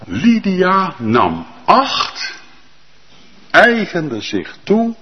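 A male pastor preaching a sermon with fervent emphasis and drawn-out, emphatic lists. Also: medium pitch, in a large hall, dull audio.

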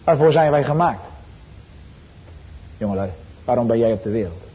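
A man preaching a sermon to his congregation, earnest and emphatic, slowing for quotations and rising in fervor. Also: mid-range voice, expressive. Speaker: pastor. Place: church. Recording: dull sound with long church reverb.

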